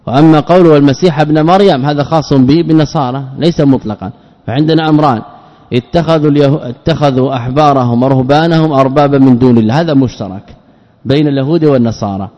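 A man giving a religious lesson, explaining terms and grammar and putting questions to his listeners. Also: medium pitch. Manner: explains words and grammar, asks the audience questions. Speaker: Islamic scholar teaching a book. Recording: dull lo-fi recording with long hall reverb.

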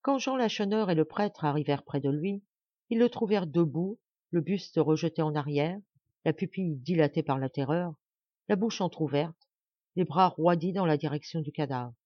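A woman's voice: sits low, normal speed, no echo, lo-fi sound. Woman reading a novel dramatically. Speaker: audiobook reader. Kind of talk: scripted narration of a classic novel.

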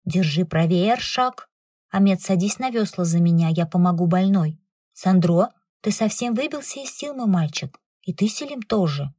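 A woman's voice: mid-range voice, animated, moderate pace, warm tone, slightly rough, no room sound, studio quality. A woman reading aloud and voicing a young princess who gives firm orders in a storm. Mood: commanding. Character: young princess, commanding and guttural.

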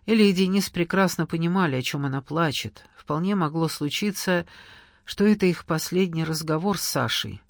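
A woman narrating an audiobook in an even, measured storytelling manner. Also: fairly low pitch, no echo, studio quality. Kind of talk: scripted narration.

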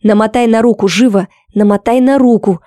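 A woman voicing an exhausted, hoarse woman who barks curt orders at a drowning man. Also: a little high, fairly even intonation, a little fast, dark tone, no room sound, clean studio sound, lightly acted. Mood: commanding. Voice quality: hoarse, raspy.

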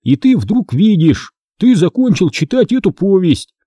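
Man playing a worked-up 12 yr old boy, higher voice, dark and husky underneath. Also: big pitch swings, normal speed, no room sound, studio quality, full character voice. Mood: exasperated. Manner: exasperated, insistent. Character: indignant twelve-year-old boy who loves fantasy books. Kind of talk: audiobook character voice.

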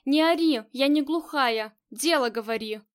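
A woman's voice: high voice, normal speed, close to an everyday voice. A woman voicing a stubborn, tough female gang leader in an audiobook, curt and commanding. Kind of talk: audiobook character reading.

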